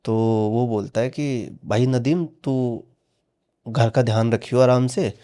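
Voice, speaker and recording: Slow and warm, at medium pitch, a man tells a horror story in a relaxed podcast style, performing the characters' lines with frequent "he said" tags.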